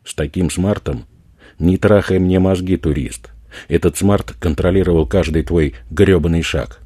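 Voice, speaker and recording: A man voicing a rough, crude male street robber who swears and bullies, in a husky raised voice. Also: sits low, moderate pace, no echo, clean studio sound, voice pushed up. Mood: threatening. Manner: loud, swearing, bullying.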